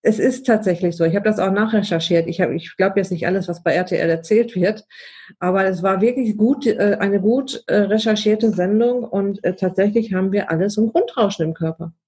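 A woman hosting a casual conversation, chatty and animated as she tells stories. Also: mid-range voice, a little fast, husky.

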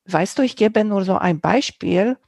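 A woman with a Romanian accent, speaking German as a second language, chats casually as a guest on another podcast about her own podcast. Her sentences are loose, searching for words, with non-native grammar. Her mid-range voice is gravelly and darkish, unhurried, with no room sound.

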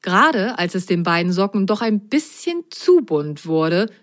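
A woman reading a children's story aloud as narrator, in a gentle way. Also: mid-range voice, big pitch swings, a little slow.

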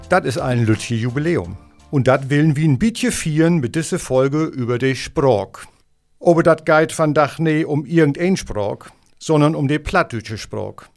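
Gravelly-voiced North man chatting. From East Frisia, northern Germany. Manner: relaxed, frank, mixes in Low German words. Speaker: editor-in-chief and podcast guest. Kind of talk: casual podcast chat.

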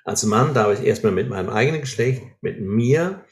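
A man's voice: medium pitch, animated, normal speed. A man explaining ideas in an earnest way, often checking in with short tags like "right?", in a conversation. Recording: roomy echo.

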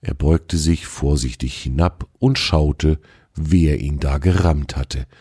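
A man's voice: a bass voice, slow pace, warm tone, husky, no echo, studio quality. A man narrating a children's story in a storytelling manner.

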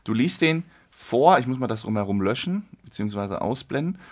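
A man's voice: medium pitch, animated, brisk. A man in his thirties co-hosting a podcast, chatting casually, laughing easily and explaining things. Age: 30s. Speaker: podcast co-host. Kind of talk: casual chat.

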